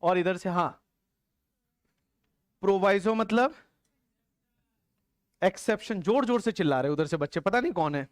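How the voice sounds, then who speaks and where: A man's voice: high-pitched, unhurried, long pauses, no room sound. A man teaching tax law in a classroom lecture, colloquial and explanatory, who quizzes the class and repeats the answers aloud.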